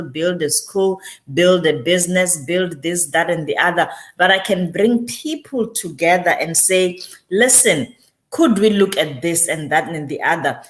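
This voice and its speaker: A woman guest, a community developer and author, talking reflectively in an interview and driving points home by repeating phrases. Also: lowish voice. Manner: emphatic, repeats phrases for weight.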